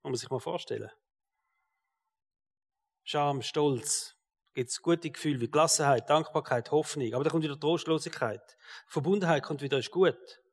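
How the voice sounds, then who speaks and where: High-voiced Swiss German preacher in a hall. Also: male voice, moderate pace, pauses often. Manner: animated, swings between loud rhetorical questions and quiet asides. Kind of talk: sermon.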